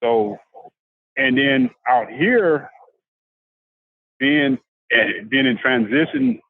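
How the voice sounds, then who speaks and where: An older man from South Carolina, a guest talking about life after prison in a halting, casual way with many restarts. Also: medium pitch, sing-song, vocal fry, no room sound. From South Carolina, USA. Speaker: formerly incarcerated guest. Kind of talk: casual conversational interview. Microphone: handheld phone on a video call. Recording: dry, tinny phone-like video call audio.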